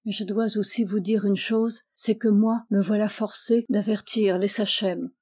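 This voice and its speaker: A woman's voice: mid-range voice, fairly even intonation, a little slow, warm tone, natural voice. A woman reading the lines of an anguished young male warrior in a novel audiobook, in a grieving, pleading manner.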